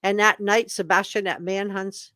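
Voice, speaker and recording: A woman's voice: medium pitch, fairly even intonation, normal speed, a bit bright, no room sound. Emphatic woman livestream commentator, dry close sound. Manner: emphatic, repeats key words for effect; opinionated, informal asides between read passages. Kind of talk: live commentary, reading statements aloud to chat.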